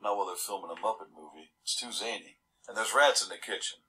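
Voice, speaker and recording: A man's voice: lowish voice, fast talker, bright, forceful tone, low-quality recording. A man reading a children's storybook aloud, adding casual, chuckling comments between pages. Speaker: storybook reader.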